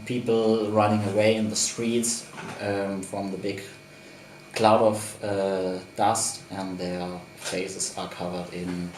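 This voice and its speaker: A man in his twenties with a German accent, describing a memory in English slowly and deliberately. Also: sits low, level tone, a little mellow, slight background noise. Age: 20s. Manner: slow and deliberate. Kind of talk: personal recollection. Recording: echoey room.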